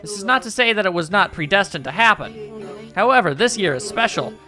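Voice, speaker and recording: A man's voice: high-pitched, lively intonation, brisk, bright, forceful tone, soft background music. Man putting on a theatrical, bone-obsessed woman fortune teller. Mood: mystical, deadpan. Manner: fortune teller delivering dramatic prophecies. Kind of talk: comic read-aloud of video game dialogue.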